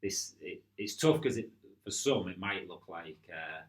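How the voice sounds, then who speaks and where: A man with a very low voice chats casually on a club podcast. He is agreeable and retells match moments in a relaxed way. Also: unhurried. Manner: agreeable, recounting incidents with acted quotes. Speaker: futsal club podcast co-host.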